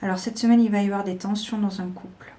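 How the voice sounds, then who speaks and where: A woman giving a slow, deliberate weekly tarot guidance, with frequent pauses and hesitations. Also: mid-range voice, fairly even intonation, dark tone. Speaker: tarot reader.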